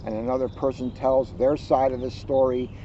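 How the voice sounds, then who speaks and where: A police officer sits outside reading a storybook to children and explaining things casually, stressing his points and repeating key phrases. His voice is mid-range, mellow and level, at a normal speed. The muffled outdoor recording picks up traffic noise.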